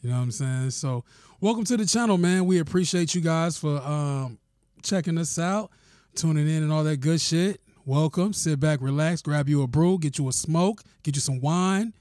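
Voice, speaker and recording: A man's voice: on the high side, normal speed, a little mellow, no room sound, clean studio sound. A man hosting a podcast with his wife, talking casually in a laid-back, slangy, profane way. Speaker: podcast host.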